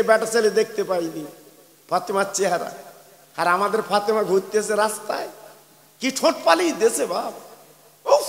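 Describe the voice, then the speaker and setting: A man's voice: high-pitched, fairly bright tone. A male preacher, telling a devotional story in an emphatic, scolding, sing-song style. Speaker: Islamic preacher. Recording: echoey hall with long reverb.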